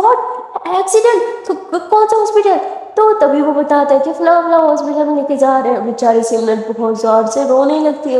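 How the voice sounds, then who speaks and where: A woman storyteller narrating a love story in a lively way, recorded in an echoey room with long reverb. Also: high voice. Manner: lively, acts out every character.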